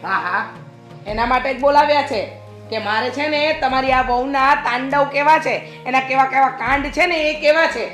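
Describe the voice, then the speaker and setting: A woman's voice: sits high, normal speed, a bit bright, soft background music. A bitter grumbling older mother-in-law. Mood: complaining. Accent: Gujarati. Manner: scolding, grumbling. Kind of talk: Gujarati short drama acting.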